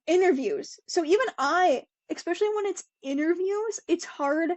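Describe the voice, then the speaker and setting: Chatty young woman with a high voice, laughs often, casual podcast co-host, talks through what she reads. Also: moderate pace, darkish tone, highs cut off. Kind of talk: casual chat about motor racing.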